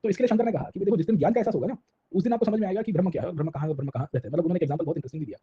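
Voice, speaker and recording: A man's voice: high-pitched, racing, mellow, husky, highs cut off. A man giving a history lecture to a class, mixing Hindi and English and constantly checking whether his students are following. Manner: keeps checking in with the class with tag questions; mixes Hindi and English mid-sentence.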